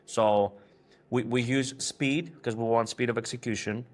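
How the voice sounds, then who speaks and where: A man's voice: mid-range voice, steady tone, a little slow. A man from Greece, a marketing agency co-founder speaking in a podcast interview, hesitant, with frequent fillers and restarts.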